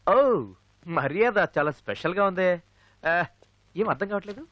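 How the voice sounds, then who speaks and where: A man's voice: sits high, moderate pace, no echo, muffled recording, close to an everyday voice. An actor playing a cocky young male college student who is in love with his older lecturer, in a dubbed film. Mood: playful teasing. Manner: playful, then loud and indignant.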